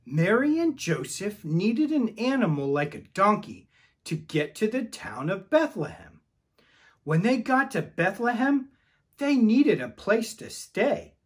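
A man telling a Bible story to children in an animated, sing-song voice that rises and falls widely. His tone is slightly husky, his pace unhurried, and he keeps inviting the kids to shout and knock along with him. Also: high-pitched. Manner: enthusiastic, calls for the audience to join in. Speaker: children's ministry leader.

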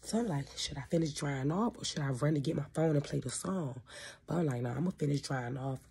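A woman's voice: sits low, a little fast, gravelly, mellow, breathy edge. A woman with a congested, stuffy nose, talking casually into her phone and then praying aloud fervently, repeating God and Lord between phrases. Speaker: prayer vlogger. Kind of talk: casual talk turning into spoken prayer.

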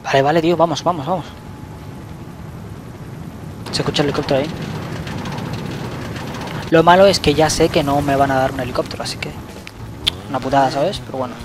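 A young man, giving loose, excitable let's-play commentary and swearing at the game. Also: on the high side, fairly quick, pauses often, background noise. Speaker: gaming channel host.

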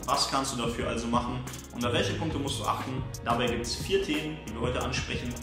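A fitness coach talks straight to the camera, setting up each point with a question before answering it briskly. His voice sits at an ordinary middle pitch. The room around him is strongly echoey, and music plays clearly beneath his voice. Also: steady tone. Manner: brisk, structured, poses questions then answers them. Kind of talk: direct-to-camera advice video. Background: background music.

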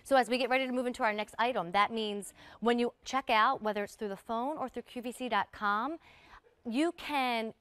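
A woman's voice: on the high side, normal speed, a bit bright, clean tone, no room sound. A woman hosting a live TV shopping show, chatting to viewers in upbeat, friendly sales patter. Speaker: shopping channel host.

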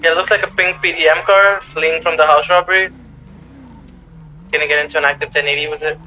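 Guy calling out a car chase over walkie talkie, crisp bright voice, muffled radio sound. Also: fairly high pitch, steady tone, a little hiss or hum. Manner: rapid clipped turn-by-turn directions. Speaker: police officer in roleplay. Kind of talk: police radio calls during a car chase.

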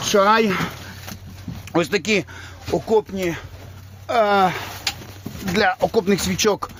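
A soldier records a thank-you message at a military position, his voice pitched high. He speaks warmly and homely, with fond little words. The clip has clear background noise. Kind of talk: casual video message. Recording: noisy field video clip.

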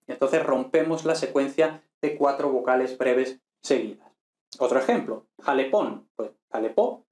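A man's voice: fairly high pitch, darkish tone, reverberant. A man teaching an ancient Greek lesson, explaining patiently and often checking in with "¿vale?" and "¿no?". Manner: patient, repeats points with frequent "¿vale?" and "¿no?".

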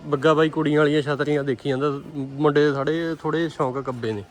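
A man's voice: fairly high pitch, steady tone, quick pace, slight background noise. A man with a Punjabi accent vlogging casually and joking heartily with his friends as he shops. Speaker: vlogger and cameraman. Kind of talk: casual shopping vlog chat.

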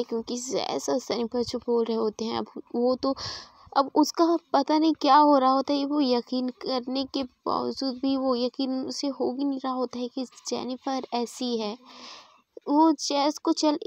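A woman's voice: high voice, a little mellow, no room sound. A woman narrating a love story in a chatty, rambling way.

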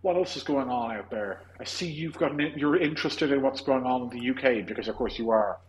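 A man's voice: medium pitch, brisk, slight background noise, low-quality recording. An Irish man hosting a casual podcast discussion, opinionated and rambling, restarting his sentences often. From Ireland. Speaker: podcast host.

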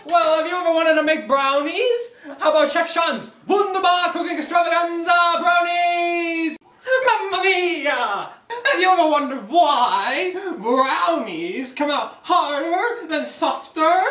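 A young man playing a zany over-the-top TV chef in a spoof cooking show, shouting sing-song exclamations in mock foreign phrases, filmed in a home kitchen on a camera a few steps away. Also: very high-pitched, animated, slow, full character voice. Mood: manic. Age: young adult. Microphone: phone camera a few steps away. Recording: echoey kitchen, camera from a distance.

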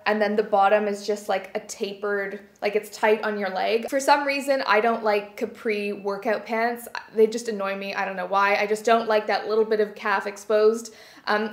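A young woman in her twenties from Canada, a beauty vlogger, chatting enthusiastically as she shows off her gym gear from a small bright room. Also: medium pitch, echoey room. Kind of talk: casual product show-and-tell. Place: small bright bedroom studio.

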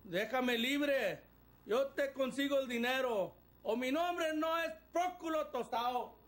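A folksy, defiant Mexican ranchero. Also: male voice, extremely high pitch, slow pace, fairly bright tone, full character voice. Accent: Mexican Spanish. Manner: folksy, boastful, polite to captors. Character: stout rural Mexican man, proud and defiant. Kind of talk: low-budget film acting. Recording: film music clearly under voice.

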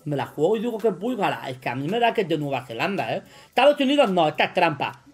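A man with a Spain Spanish accent playing a quiz as a streamer, joking, boasting and breaking into shouts. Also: a little high, big pitch swings, fast talker, slightly rough. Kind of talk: casual gaming commentary.

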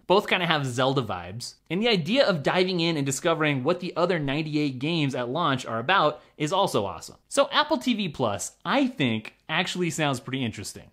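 A tech channel host reads a scripted review with a bouncy, widely varied pitch. The delivery is opinionated and enthusiastic, with the odd wry, deflating aside. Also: fairly bright tone. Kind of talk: scripted tech commentary vlog.

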